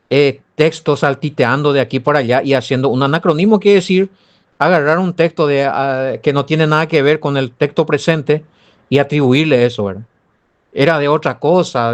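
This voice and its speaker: A man from Paraguay with a Paraguayan Spanish accent, a pastor giving a Bible commentary and answering listener comments with animated rhetorical questions aimed straight at his listeners. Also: medium pitch.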